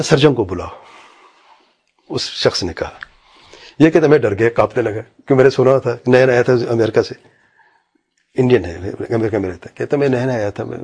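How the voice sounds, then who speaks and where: A man preaching in a storytelling way, retelling anecdotes through quoted dialogue and sometimes dropping into low, quiet asides. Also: slightly rough. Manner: mixes English medical terms into his speech. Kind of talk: sermon storytelling.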